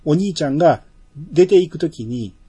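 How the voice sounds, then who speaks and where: Brief: Kansai man, casual co-host, husky mellow tone, lively pitch. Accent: Kansai Japanese. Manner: chatty, laughs often, drawn-out fillers. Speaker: podcast co-host. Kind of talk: casual chat.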